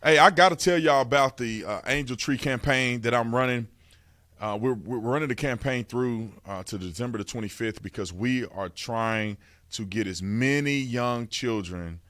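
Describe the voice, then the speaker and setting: A man's voice: mid-range voice, a bit bright, no echo, clean studio sound. A man hosting a radio talk show, giving casual political commentary in informal, folksy phrasing with emphatic repetition.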